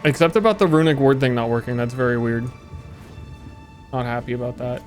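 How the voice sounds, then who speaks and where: A man's voice: medium pitch, brisk, faint music behind. A man streaming a video game, giving casual, joking commentary with frequent profanity.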